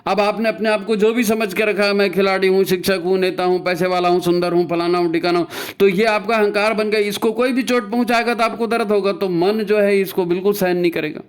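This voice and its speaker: A man's voice: high voice, flat delivery, a little fast, hardly any pauses, smooth. A man giving a spiritual talk on meditation, often repeating himself and asking rhetorical questions. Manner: rhetorical questions and repetition, tagging "है ना?"; recites scripture and mantra lines. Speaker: spiritual speaker.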